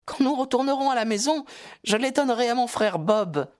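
A man's voice: extremely high pitch, lively intonation, fairly quick, pitched above the performer's own voice. A man reading an audiobook and voicing a chatty, innocent little girl lost in the desert, in a chirpy, babbling child's voice. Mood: cheerful. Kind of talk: audiobook character voice.

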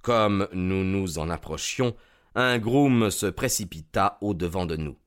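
A man narrating a classic detective story as an audiobook, in a measured, expressive storytelling voice. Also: deep voice, clear, resonant tone.

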